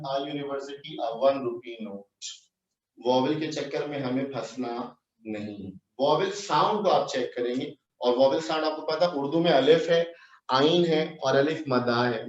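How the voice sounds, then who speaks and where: A man from Pakistan giving an English grammar lesson in a classroom, peppering it with questions to his students. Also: on the high side. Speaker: English teacher. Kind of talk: classroom lecture, mixing English phrases into Urdu. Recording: dull, roomy, distant online class audio.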